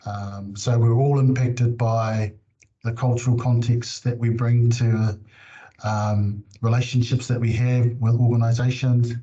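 A man, a professor giving a measured, reflective webinar presentation with frequent fillers over a video call. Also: mid-range voice, little pitch movement, mellow. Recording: muffled video call audio.

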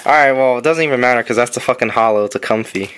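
Young man, casual, profane rambling stories, mid pitch, faint background noise. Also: rapid-fire, a bit bright. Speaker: host opening trading card packs. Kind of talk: casual chat. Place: basement room.

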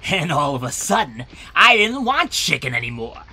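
A performer voicing a folksy, chatty talking animal in a cartoon comic dub, with a raspy voice. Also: medium pitch, big pitch swings, normal speed, pushed and bright, a little hiss or hum, exaggerated voice. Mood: amiable, hungry. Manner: folksy, colloquial.

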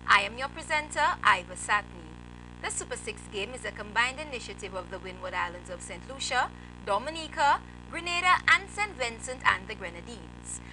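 A young woman with a high, very lively delivery hosts a lottery draw. She reads scripted announcements and numbers formally, as on television, over audible background noise. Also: rough recording. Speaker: lottery draw host, presenter. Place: TV studio.

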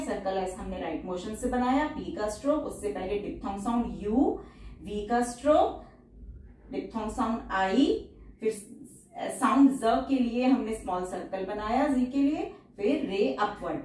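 A woman teaching shorthand, explaining each outline step by step and repeating every word slowly and carefully. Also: a little high, animated, a little mellow, distant mic, a little hiss or hum. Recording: very echoey room, voice from off the mic.

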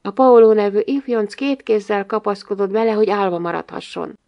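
A woman's voice: medium pitch, vocal fry, muffled recording. Wry woman reading an audiobook. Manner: wry, lively first-person storytelling. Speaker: audiobook narrator. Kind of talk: storybook narration.

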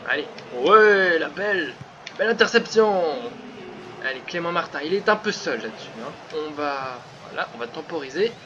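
A man commentating his own football video game career live, excitable, breaking into shouts and laughter before calming himself down. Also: a little high, normal speed. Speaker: gaming channel host. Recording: muffled lo-fi sound with steady background noise.

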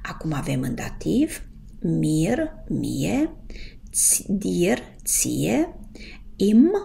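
A woman with a low voice and a gravelly edge teaches a casual language lesson. She speaks to her viewers directly and patiently, slowing down to stretch out each example word. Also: very animated, mellow, slight background noise. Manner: patient, drawn-out pronunciation of example words. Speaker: German teacher.

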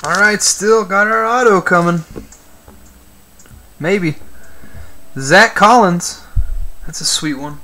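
A man with a high, sharp voice hosts a live stream, speaking slowly with frequent pauses over a slight hiss or hum. He's a card break host who reads out player names from the cards as he opens them. In between he chats with viewers and jokes about yawning.

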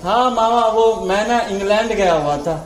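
Very high-voiced man telling deadpan jokes. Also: moderate pace. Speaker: comedy sketch performer. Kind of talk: short comedy skits. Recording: music under voice.

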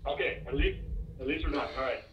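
A young man gives orders and trades insults with a friend during a shooter game. His voice sits at an ordinary pitch. Clear noise runs under his voice. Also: a little fast, a bit bright, highs cut off. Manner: bossy, teasing, swearing. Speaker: gamer co-host. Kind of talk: casual gaming chat.

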